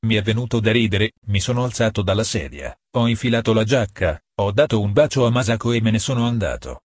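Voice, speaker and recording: Husky low-voiced male reader. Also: lively intonation, fast, no echo, studio quality. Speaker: audiobook reader. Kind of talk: reading a novel aloud.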